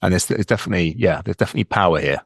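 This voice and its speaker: A leadership coach from England, about fifty with an English accent, speaks as a guest in a casual interview, reflecting aloud and repeating words while he gathers his thoughts. His low, husky voice comes rapid-fire in a studio-quality recording with no room sound.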